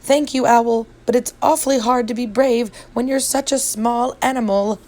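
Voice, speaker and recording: Woman voicing Piglet, a tiny high-voiced timid pig. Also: fairly even intonation, normal speed, a little mellow, natural voice. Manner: meek, earnest. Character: small, timid, kind-hearted male piglet. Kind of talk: storybook read-aloud.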